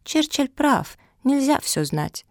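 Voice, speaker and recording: A small, easily offended puppy girl from a children's storybook, squeaking her lines high and dramatically, as a woman narrator puts her on. Close, dry recording. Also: big pitch swings, takes it slowly, no room sound, full character voice. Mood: plaintive. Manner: touchy, dramatic.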